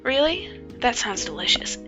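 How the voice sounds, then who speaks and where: A woman's voice: on the high side, big pitch swings, normal speed, sharp tone, faint music behind. A woman voicing a shy, sincere girl who always speaks of herself in the third person. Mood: delighted. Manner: refers to herself by name.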